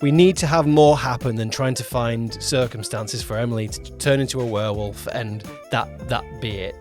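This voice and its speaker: Over music, a man with a mid-range voice co-hosts a podcast as its producer, talking at a moderate pace. He chats casually, giving a project update and explaining things while often backtracking.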